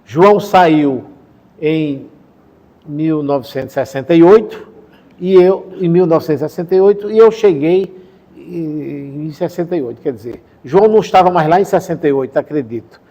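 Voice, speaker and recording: An older man from the Sertão of Paraíba in Brazil, calmly recalling his career in an interview, pausing to correct names and dates. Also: a little high, lo-fi sound. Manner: unhurried, recounts dates and names, self-correcting. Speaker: interviewee, retired professor and former education official. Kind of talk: reminiscing interview answer.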